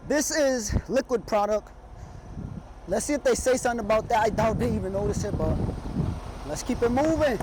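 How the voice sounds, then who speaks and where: A man's voice: high-pitched, a little fast, very noisy. A man, a truck driver, chatting casually from his truck cab. He speaks with a slight slur and lisp from braces, in an easygoing, slangy, rambling way. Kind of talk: casual chat.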